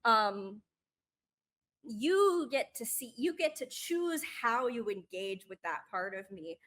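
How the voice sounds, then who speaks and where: Appearing on a podcast, a woman talks candidly in a rambling, earnest way, restarting often as her pitch and volume jump suddenly. Her delivery is sing-song and slow.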